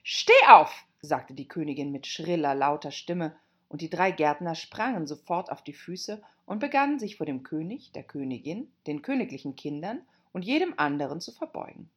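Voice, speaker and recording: A woman reading a storybook aloud as an audiobook narrator, in a lively, expressive way. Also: deep voice, moderate pace, husky, lo-fi sound.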